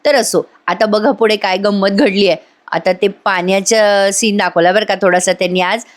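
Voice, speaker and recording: A woman's voice: medium pitch, fairly even intonation, moderate pace. A woman giving a casual voice-over recap of a TV serial, chatty with conversational asides. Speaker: TV serial reviewer.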